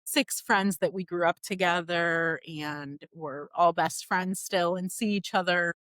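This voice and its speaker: A woman guest on a podcast, telling a personal story in a chatty, animated way, full of "like" and "you know". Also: fairly low pitch, a little slow, no echo. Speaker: podcast guest, doula business founder.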